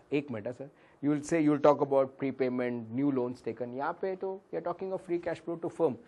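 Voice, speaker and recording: A man's voice: mid-range voice, a little fast, darkish tone. A man with an Indian English accent teaching a valuation workshop, whose voice cracks at times; he calls the listeners sir and drops into Hindi phrases. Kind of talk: classroom lecture with audience questions.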